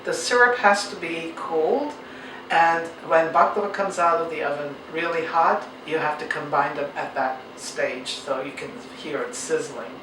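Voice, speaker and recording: A woman's voice: low-pitched, normal speed. Woman teaching cooking in a roomy kitchen. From Turkey. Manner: patient, explanatory, homely. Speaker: home cook. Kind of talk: cooking demonstration. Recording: roomy, distant mic, faint noise.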